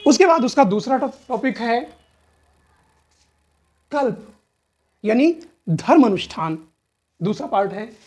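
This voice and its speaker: A woman's voice: a little high, big pitch swings, slow, long pauses, mellow. Woman teacher quizzing her own class. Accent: Hindi, north Indian. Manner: asks and answers her own questions, repeats key terms; often adds "theek hai na". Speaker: history teacher. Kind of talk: exam-prep lecture.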